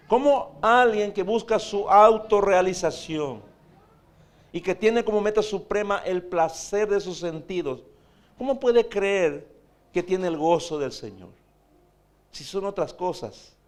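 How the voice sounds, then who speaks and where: A man, preaching a sermon as pastor, pressing his point with repeated rhetorical questions. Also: sits high.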